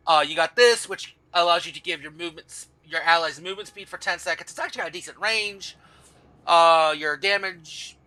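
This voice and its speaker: A man's voice: high voice, pushed and bright, rough recording. A tired man talking through a game class in a casual guide voice-over, rambling and often stopping to correct himself. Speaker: gamer explaining a game class.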